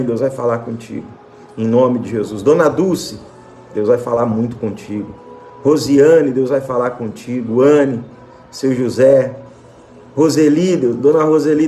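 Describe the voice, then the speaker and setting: A man with a Brazilian Portuguese accent leads a livestream prayer and sermon. He speaks with fervent, repetitive blessings. His voice rings in a reverberant room over soft background music. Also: medium pitch. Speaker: pastor. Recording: echoey room with faint music.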